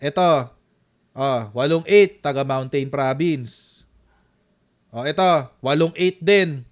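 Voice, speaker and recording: A man with a Filipino accent doing casual live-stream commentary, animated and mocking, laughing often. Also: fairly high pitch, slow pace.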